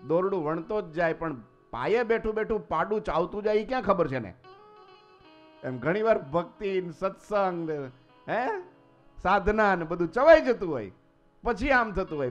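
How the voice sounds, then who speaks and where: Swami giving a sermon, fairly high voice, muffled sound, faint guitar behind. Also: male voice. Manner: animated storyteller, swinging between soft asides and loud exclamations. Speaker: swami preaching at a temple assembly. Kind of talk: sermon with storytelling. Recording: slightly muffled recording with faint guitar music.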